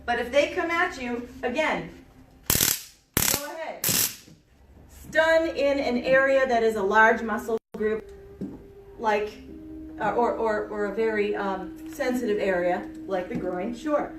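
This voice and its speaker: A woman giving a chirpy, animated trade show product pitch, instructing listeners and often checking in with them. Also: slow, long pauses, background noise. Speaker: self-defense product demonstrator. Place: indoor expo event. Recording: echoey room, distant mic.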